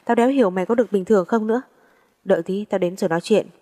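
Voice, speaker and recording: A woman's voice: mid-range voice, rapid-fire, warm tone, natural voice. A woman voicing a blunt, impatient, foul-mouthed young woman who scolds her friend like an older sister in a story reading. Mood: scolding.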